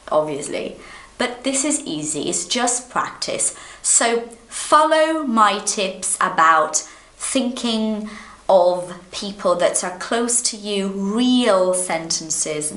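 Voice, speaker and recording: A Brazilian woman in her thirties teaches English to the camera, speaking slowly and patiently. Her voice sits at a middle pitch, and the room around her sounds echoey. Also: fairly bright tone. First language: Portuguese. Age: 30s. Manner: slow, patient and encouraging, speaking straight to the viewer. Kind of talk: online English lesson.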